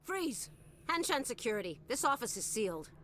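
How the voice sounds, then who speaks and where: A woman's voice: a little high, sing-song, moderate pace, bright, forceful tone, a little hiss or hum. A woman voicing a pushy female corporate security officer in a video game, talking brashly and bossily. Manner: brash, bossy.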